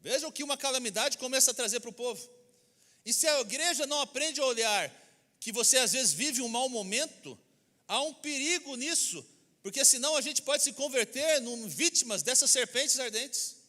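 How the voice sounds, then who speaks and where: A man's voice: very high voice, expressive, normal speed, sharp tone. A man with a Brazilian Portuguese accent preaching a sermon as pastor in a church, emphatic and acting out the people he quotes. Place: church sanctuary. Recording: long reverb of a church hall.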